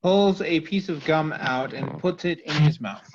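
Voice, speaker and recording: A man's voice: fairly high pitch, unhurried, slight background noise. A man reading stage directions aloud in a plain, matter-of-fact way. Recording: dull lo-fi audio.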